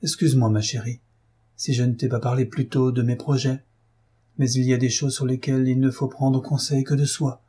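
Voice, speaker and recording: A man reading the lines of a gentle, troubled young woman in a storybook, voicing her softly and a little higher. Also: flat delivery, moderate pace, husky, close to an everyday voice. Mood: troubled, earnest.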